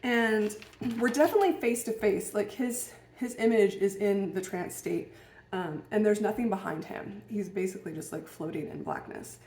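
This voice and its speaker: A woman's voice: mid-range voice, moderate pace, darkish tone. A woman recounts a personal experience in a casual, thoughtful way. She hesitates often and restarts her sentences. Her voice sits in the middle range, with a roomy echo around it. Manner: musing, hesitant, many fillers and restarts. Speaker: vlogger.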